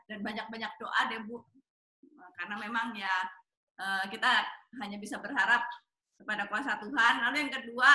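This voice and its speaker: Gentle high-voiced woman counselor. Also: reverberant. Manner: gentle, hesitant, many fillers. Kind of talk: answering questions on a talk show.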